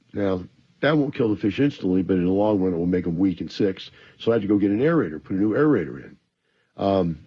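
A man's voice: on the low side, breathy edge, dull audio. A man hosting a radio show, sounding a little groggy from antihistamines, explaining things directly to listeners in a rambling advice monologue.

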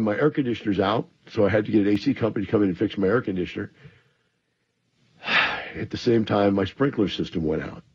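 Male talk radio host, low and slightly husky, a bit groggy, explanatory monologue, dull band-limited audio. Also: darkish tone. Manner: explanatory, addresses listeners directly. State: a little groggy from antihistamines.

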